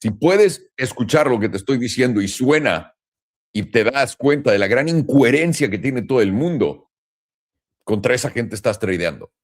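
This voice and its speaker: A man's voice: medium pitch, expressive, moderate pace. A man with a Mexican Spanish accent, a crypto trading commentator, ranting in a casual, blunt and profane monologue, full of sarcasm. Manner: blunt, profane and sarcastic, mocking others in put-on voices.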